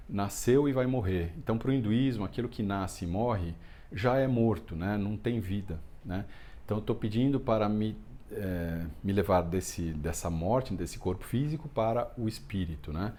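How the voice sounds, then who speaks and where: Low-voiced yoga teacher explaining. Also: male voice. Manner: relaxed, explanatory, constant filler "né?"; chants mantra lines slowly. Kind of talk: explanatory lesson on a Sanskrit mantra.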